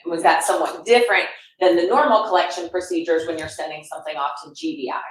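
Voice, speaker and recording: A woman lawyer with a low voice asks brisk, formal questions that sound like they come through an echoing tube. Her voice sits far from the microphone, and the courtroom's heavy echo hangs on every word. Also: fairly even intonation. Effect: sounds like talking through an echoing tube. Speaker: prosecutor. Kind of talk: direct examination of a witness. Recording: echoey courtroom audio from a distant mic.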